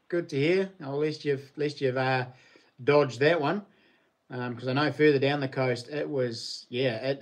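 Middle-aged man, broad Kiwi accent. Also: medium pitch. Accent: broad New Zealand. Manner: laid-back, matey, slangy. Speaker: livestream host. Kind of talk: casual chat to live viewers. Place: living room at home.

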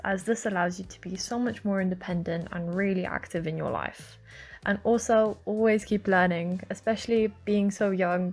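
Young female student from Lithuania, twenties, gravelly edges, earnest and encouraging scripted voice-over with faint music behind. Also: medium pitch, a little mellow. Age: 20s. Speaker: university student.

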